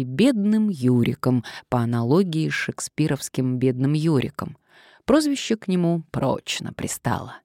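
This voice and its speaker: A woman narrating an audiobook in an expressive, lively reading. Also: sits low, no echo, clean studio sound.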